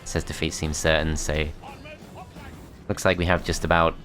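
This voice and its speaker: A man's voice: a bass voice, flat delivery, moderate pace, fairly bright tone, soft background music. A man commentating his strategy game as he plays, thinking aloud in a tentative, self-critical way. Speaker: gameplay commentator.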